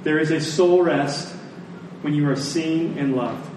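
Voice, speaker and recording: An unhurried man with a voice on the high side and a slightly mellow quality preaches earnestly and emphatically, leaning on repeated phrases. The sermon closes in prayer during a church service in a large, echoing room, and the distant recording carries faint noise.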